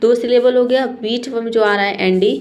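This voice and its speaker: A woman's voice: fairly high pitch, steady tone, moderate pace, a little mellow, dull audio. Patient Indian woman teaching pronunciation. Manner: patient, repeats each word and keeps checking in. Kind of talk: explaining word meanings in Hindi.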